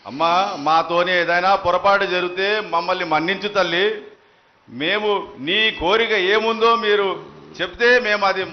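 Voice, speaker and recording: A man's voice: high voice, fairly even intonation, moderate pace. A man speaking as a temple devotee, making a deferential, humble petition to a goddess. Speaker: devotee or temple attendant addressing the oracle. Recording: dull lo-fi live broadcast sound.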